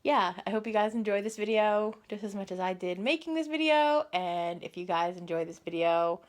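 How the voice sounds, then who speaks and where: A woman's voice: medium pitch, normal speed. Woman rambling through a storytime vlog. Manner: rambling, self-correcting storytelling. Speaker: vlogger. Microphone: phone camera.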